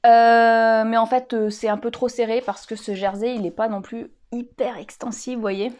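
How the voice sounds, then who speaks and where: Lady in her 40s chatting about her sewing, lots of ums and restarts, kinda high voice. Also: little pitch movement, normal speed, a little mellow. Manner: chatty, rambling, many fillers and restarts. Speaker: sewing vlogger. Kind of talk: casual chat showing her sewing.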